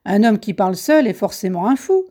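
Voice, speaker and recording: A woman's voice: medium pitch, very animated, brisk, dark tone. A woman voicing a blunt farmer who scorns a man he thinks has gone mad. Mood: scornful. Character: gruff, mocking male farmer.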